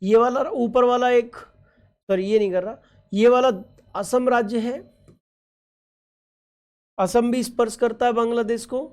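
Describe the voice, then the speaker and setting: A woman teaching a geography lesson with a fairly high voice. She fondly calls her students children and keeps asking them questions. She repeats key points and checks in with "okay" after nearly every step. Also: fairly even intonation, measured pace, long pauses, darkish tone. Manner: affectionate, addresses students as children; repeats and quizzes, frequent "okay ji" check-ins. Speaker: exam-prep teacher. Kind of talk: online geography lesson over a map.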